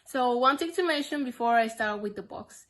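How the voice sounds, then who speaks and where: With music playing underneath, a young book vlogger with a Bulgarian accent reviews her crime books in an easygoing video. Her voice is on the high side, with lively intonation and normal speed. She's earnest and keeps things simple, frequently saying "basically."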